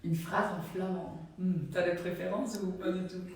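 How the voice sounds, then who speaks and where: A woman's voice: lowish voice, fairly even intonation, normal speed, a little hiss or hum. A young woman from Belgium, a Flemish speaker with a Flemish accent, chatting casually and with many fillers as she gives a tour of her home. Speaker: volleyball player. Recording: echoey room from a distance.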